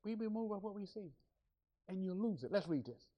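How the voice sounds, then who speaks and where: A woman's voice: medium pitch, animated, a little fast, lo-fi sound. Woman preacher, emphatic, repetitive, call-and-response sermon.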